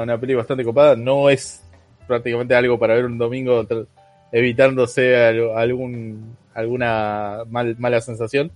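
A man's voice: medium pitch, no room sound. Rambling Rioplatense man reviewing a film. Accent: Rioplatense Spanish. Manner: rambling, slangy, many fillers and restarts. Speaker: podcast co-host. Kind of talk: casual film review chat.

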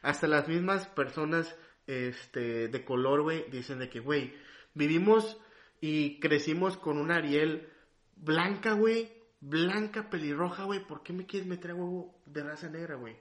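A man with a Mexican Spanish accent, co-hosting a casual podcast chat with loud, swear-filled banter. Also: a little high, unhurried, roomy sound. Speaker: podcast co-host.

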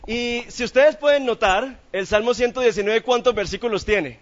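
Man, sermon, high voice, playful questions to the congregation, muffled church recording. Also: moderate pace. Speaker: preacher.

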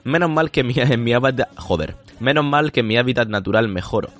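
A man's voice: medium pitch, animated, a little fast, fairly bright tone. A man hosting a casual podcast chat, reading listener comments aloud, laughing often and swearing casually.

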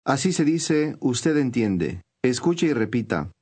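A man giving clear, patient scripted instructions as a language course narrator. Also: mid-range voice, big pitch swings, slow, darkish tone.

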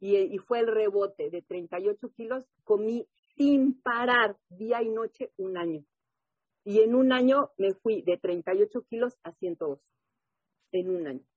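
A woman speaking at a recovery group meeting, giving her testimony and reading aloud, animated and often asking the listeners questions. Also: mid-range voice, measured pace, no echo. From Mexico. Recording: muffled phone-like audio.

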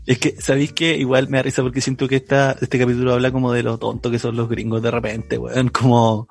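A man's voice: medium pitch, little pitch movement, fairly quick, creaky, faint music behind. A young man with a Chilean accent, chatting as a podcast co-host in a hesitant, filler-heavy, slangy way. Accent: Chilean Spanish. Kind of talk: casual chat.

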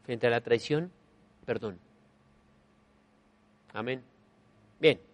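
A man preaching a sermon, emphatic, swinging between soft and loud and repeating key phrases as refrains. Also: medium pitch, extremely slow, highs cut off. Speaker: pastor.

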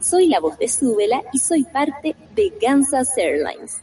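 A woman giving a formal, measured mock airline cabin announcement as if over an airplane intercom, introducing a radio show. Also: sits high, big pitch swings, warm tone. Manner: formal, measured flight-attendant delivery. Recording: distant voice, faint ambience.

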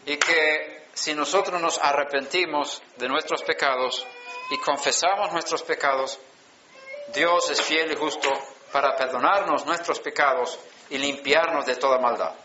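A man, preaching a personal testimony in slow storytelling with emphatic pauses. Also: on the high side, noisy background. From Sweden. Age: 60s. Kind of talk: sermon testimony. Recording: dull lo-fi conference recording.

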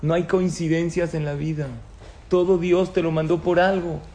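A man's voice: a little high, level tone, normal speed, warm tone, slight background noise. A man giving a religious talk to an audience, telling stories and asking them questions. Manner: storytelling, asks the audience questions. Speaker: rabbi lecturer. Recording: echoey room with faint ambience.

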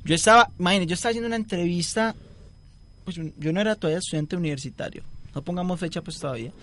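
A man's voice: high-pitched, rapid-fire, fairly bright tone, a little hiss or hum. A young man telling a long, rambling story in casual chat and acting out the quotes. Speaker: guest storyteller.

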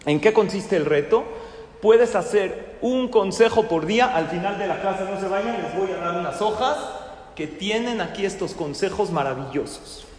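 A man giving a lively parenting lecture to a live class, acting out parents and children. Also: high voice, moderate pace. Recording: echoey hall with faint noise.

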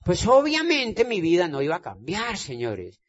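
In a dull lo-fi recording, a Colombian motivational speaker talks emphatically from the stage, his high voice swooping wildly in pitch at a moderate pace. He repeats phrases and checks that the crowd understands.

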